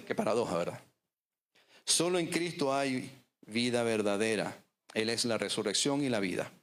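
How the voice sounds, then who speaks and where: A man, preaching a sermon as pastor, with dramatic pauses. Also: mid-range voice, animated, fairly bright tone. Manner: preaching with dramatic pauses, acting out voices in stories.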